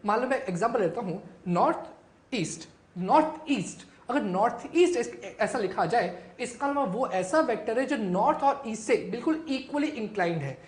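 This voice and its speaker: Woman teacher, slightly high voice, question-and-answer delivery, echoey room sound. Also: lively intonation, moderate pace. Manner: asks students questions and answers them herself. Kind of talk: classroom physics lesson.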